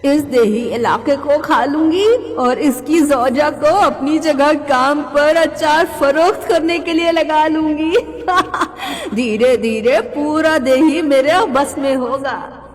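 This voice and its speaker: A woman's voice: high voice, long reverb tail. A woman playing a gloating witch spirit. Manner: slow gloating menace with cackles. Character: scheming female pickle-selling witch spirit.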